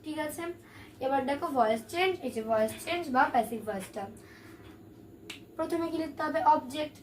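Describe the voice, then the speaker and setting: A woman's voice: high voice, a little fast. A woman teaching a grammar lesson, patiently explaining and asking questions that she then answers herself. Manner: patient, asks and answers her own questions. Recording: distant mic, faint room noise.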